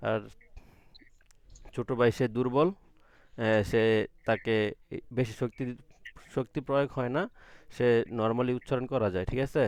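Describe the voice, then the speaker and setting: A man's voice: mid-range voice, fairly even intonation, unhurried, pauses often, a little mellow, smooth, no room sound. A man teaching an online Quran class, patiently asking questions and drawing out letter sounds from the throat. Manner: patient, asks the class questions and answers them himself.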